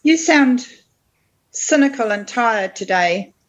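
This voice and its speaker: A woman acts out an ancient, wise witch professor on a slightly dull recording. Her voice is fairly high and her delivery slow. She counsels patiently, in a comedy sketch. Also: animated. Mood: patient, consoling. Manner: measured, consoling. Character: wise, patient, centuries-old female magic professor.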